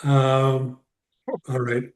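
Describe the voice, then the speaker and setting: A man's voice: medium pitch, monotone, drawn-out words. A man speaking as a rabbi in an informal class over a video call, making his points emphatically with repetition and short phrases. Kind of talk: informal lecture with question and answer. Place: online video call session. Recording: roomy echo, distant from mic.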